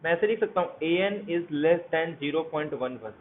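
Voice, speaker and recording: Over tinny, phone-like audio with a faint hiss, a man delivers an explanatory math lecture. He speaks slowly and animatedly at a fairly high pitch, going through each step and putting questions to his students as he goes.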